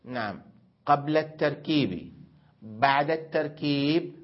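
A middle-aged man teaching grammar in a slow, measured way, repeating each example and stretching out words. His voice sits a little high for a man. The recording is dull and lo-fi. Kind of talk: classroom grammar lesson.

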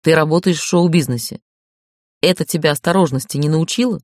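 An audiobook reader voicing a stern, commanding young man, speaking low and clipped. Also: a little fast, no room sound, studio quality, natural voice. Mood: angry. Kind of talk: audiobook character voice.

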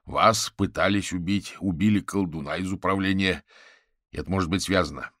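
A man voicing an eager, brisk police officer who speaks quickly and with energy. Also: low-pitched, a bit bright, no echo, studio quality.

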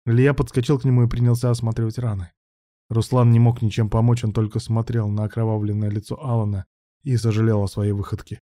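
A man's voice: lowish voice, little pitch movement, fast, no room sound, studio quality. A man narrating a story as an audiobook, reading dramatically. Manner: dramatic reading, shouting quoted lines.

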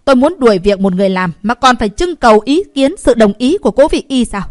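A woman's voice: medium pitch, expressive, fairly quick, dry recording, lightly acted. A young lady of the house, played by a woman reading aloud, firm and cold, who gives orders with weight. Her voice is a bit raised and clipped. The recording is dry and close. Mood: stern. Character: young woman, stern and commanding fiancée.

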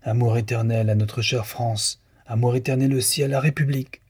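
A man's voice: mid-range voice, fairly even intonation, moderate pace, a little mellow, slightly rough. A man voicing a defiant male worker who protests and calls out fervently.

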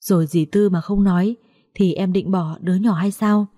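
A woman's voice: medium pitch, fairly even intonation, moderate pace, dark tone, no echo, clean studio sound, lightly acted. A woman voicing a young master of the house who speaks firmly but kindly. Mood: stern. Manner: firm, serious.

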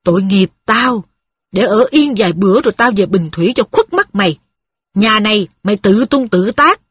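Here is a bitter, quick-tempered widow, voiced by a woman reading a story. She scolds and resents in a fairly high, breathy voice. The sound is dry and close. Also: animated, fairly bright tone, dry recording. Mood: scolding.

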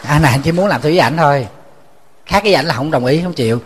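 A man, a Buddhist monk, giving a sermon as a lively storyteller who repeats words when he restarts. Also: quick pace, slight background noise. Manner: storytelling, acting out quoted voices with rising pitch.

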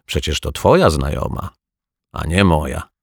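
A man voicing a kindly detective who talks calmly and with quiet amusement. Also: a bass voice, measured pace, slightly rough, no echo, studio quality, heavily acted. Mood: amused. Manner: calm, gently amused. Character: kindly amused male detective, gentle and patient.

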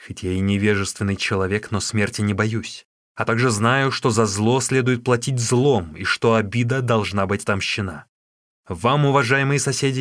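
A male reader voicing a fierce, vengeful young warrior who threatens loudly and forcefully. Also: medium pitch, no room sound, clean studio sound, lightly acted.

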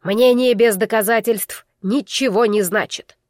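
A woman voicing a stern older male garrison commander who speaks curtly and slowly, commanding the room. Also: a little high, no echo, studio quality, lightly acted. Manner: curt, commanding, measured.

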